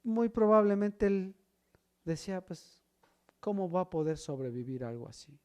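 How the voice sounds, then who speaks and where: A man preaching a sermon, swinging from loud emphasis to hushed low lines and asking the congregation questions as brothers. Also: lively intonation, moderate pace, lo-fi sound. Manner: asks the congregation questions, addresses them as brother. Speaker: pastor.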